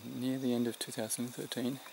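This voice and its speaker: Breathless, gravelly Australian man. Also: medium pitch, level tone. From New South Wales, Australia. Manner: halting, reflective. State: short of breath, tired. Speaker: vlogger. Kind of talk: unscripted vlog to camera. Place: outdoors in the mountains. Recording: noisy outdoor recording, rural background sounds.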